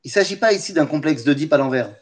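A man with a high voice gives a lesson as lively storytelling. He is animated, breaks in with humorous asides and talks straight to his listeners. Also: fast talker. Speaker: teacher of Torah.

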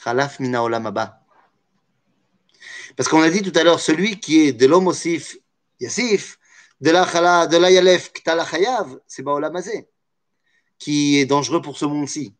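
A man's voice: fairly high pitch, moderate pace, pauses often. A man teaching a Torah study lesson, explaining with animation, weaving in Hebrew terms and jokey asides.

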